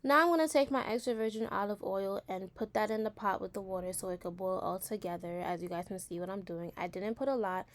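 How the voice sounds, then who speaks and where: A woman's voice: medium pitch, fast, hardly any pauses. A young woman in her late teens from New York talks casually through a cooking recipe, chatty and speaking straight to her viewers while repeating words for emphasis. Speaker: home cook vlogger.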